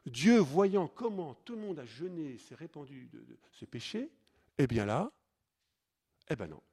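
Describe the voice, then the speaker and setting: Gravelly lively priest teaching informally. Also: male voice, fairly high pitch, unhurried. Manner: conversational, many fillers and restarts, reads scripture aloud more forcefully. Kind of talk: informal Lenten teaching to a retreat audience.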